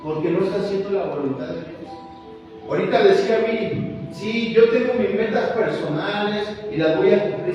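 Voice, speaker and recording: A man's voice: sits high, darkish tone, muffled recording. A man preaching a sermon in a church, fervent and repetitive, often calling out to "my brother". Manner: fervent, repeats phrases, keeps calling out "my brother". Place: church hall. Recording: echoey hall from far off.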